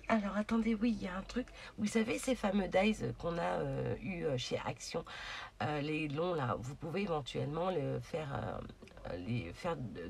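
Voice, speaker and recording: A woman's voice: deep voice, gravelly, darkish tone. A woman hosting a casual crafting tutorial, chatty and hesitant, with many fillers as she talks through her project. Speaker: craft channel host.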